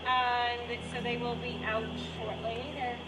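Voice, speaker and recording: A fairly high-voiced woman hosts a loose post-show Q&A outdoors, chatty and prone to stopping and restarting her sentences. She holds the mic too far away, so she sounds distant and echoey under loud passing traffic. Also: little pitch movement, slow pace. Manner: chatty, rambling, self-interrupting. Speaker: choreographer and director hosting a post-show Q&A. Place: outdoor performance space. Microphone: handheld mic held away from mouth.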